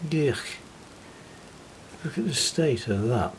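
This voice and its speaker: Cleaning parts of an old reel-to-reel deck as a hobby repair, a man talks slowly and expressively in a mid-range voice, muttering a laid-back running commentary. The audio is poor, with slight background noise.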